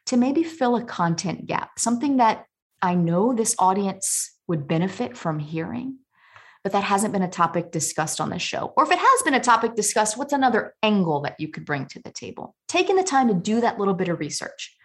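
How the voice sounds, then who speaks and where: A woman guest on a podcast, giving advice in an energetic, emphatic coaching way. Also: mid-range voice, brisk. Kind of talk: conversational interview.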